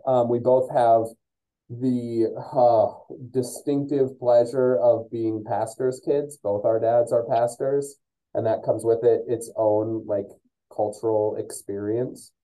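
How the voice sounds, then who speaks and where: Casting: American male podcast host, mid-pitched, friendly and chatty, heard as though speaking through a tunnel. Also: fairly even intonation, a little slow, mellow, rough recording. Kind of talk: casual conversational podcast hosting. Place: remote video call. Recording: hollow tunnel-like sound on video call.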